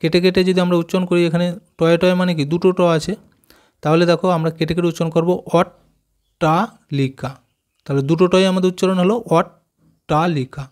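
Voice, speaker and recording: A man's voice: high-pitched, little pitch movement, a little mellow, smooth. Patient man teaching young children. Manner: slow, syllable-by-syllable explaining with frequent check questions. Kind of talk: explaining a children's reading lesson.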